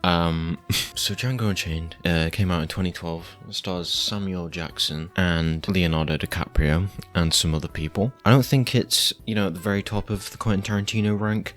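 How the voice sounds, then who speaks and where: A man's voice: sits low, steady tone, normal speed, a bit bright, soft background music. A man giving casual film reviews in a laid-back, rambling, slightly hesitant way.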